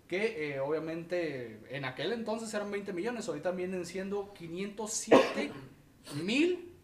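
A man with a Mexican Spanish accent hosting a casual podcast, telling a story in an animated way and peppering it with slang fillers. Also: high voice, measured pace, distant mic, a little hiss or hum. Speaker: podcast host. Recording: echoey room, off-mic.

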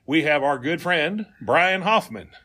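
A man with a Southern US accent and a slow drawl, hosting a folksy comedy podcast. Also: fairly high pitch, big pitch swings, pushed and bright. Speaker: podcast host.

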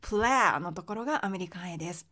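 On a podcast, a woman teaches English pronunciation in a fairly low-pitched, slightly bright voice. Her explanations are patient and full of fillers, and she slows her speech to demonstrate sounds.

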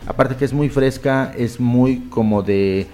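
A man's voice: medium pitch, measured pace. Effusive Mexican man interviewing. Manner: lively, effusive, rambling with many restarts. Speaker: interviewer host. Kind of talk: casual interview.

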